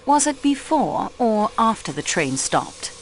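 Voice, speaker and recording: A woman playing a patient, courteous investigator for a detective, asking questions in a formal, calm way. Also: medium pitch, a little slow, a little hiss or hum. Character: polite, patient assistant to a French detective.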